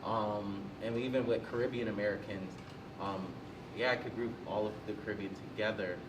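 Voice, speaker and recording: A young man with a fairly low voice talks thoughtfully on a student panel, pausing often with ums. He is picked up from a distance in an echoey room. Noise runs clearly underneath. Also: steady tone. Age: young adult. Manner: thoughtful, hesitant, many ums. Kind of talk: casual panel discussion.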